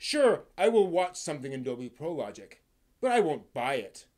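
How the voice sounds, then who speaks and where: Hosting an informal stream about anime, a man with a fairly high, slightly mellow voice talks in a sing-song way at normal speed. His chat rambles, and he sometimes reads aloud dramatically.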